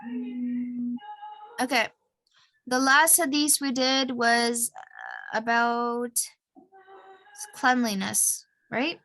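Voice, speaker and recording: A woman's voice: a little high, fairly even intonation, very slow, long pauses, sharp tone, dry recording, faint music behind, poor audio. A young woman teaching an online class over a video call, patiently having students repeat phrases after her.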